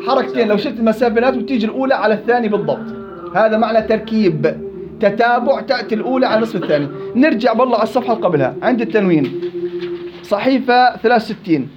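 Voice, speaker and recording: High-voiced man teaching. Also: lively intonation, very fast, highs cut off. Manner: quizzes students and repeats words to demonstrate. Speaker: Quran recitation teacher. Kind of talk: classroom lesson.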